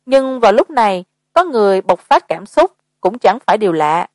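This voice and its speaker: A woman's voice: mid-range voice, big pitch swings, moderate pace, dry recording. Woman narrating a horror audiobook. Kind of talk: scripted narration.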